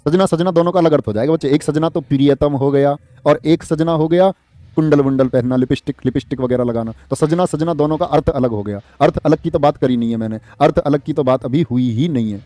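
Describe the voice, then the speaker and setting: A man's voice: a little high, quick pace, warm tone, no echo. A man teaches grammar in a live online class, quizzing his students and reading out their comments. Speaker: Hindi exam-prep teacher.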